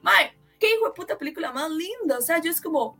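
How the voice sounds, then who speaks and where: Costa Rican woman, high voice, casual chat, emphatic and slangy, faint music behind. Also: lively intonation, fast, pushed and bright.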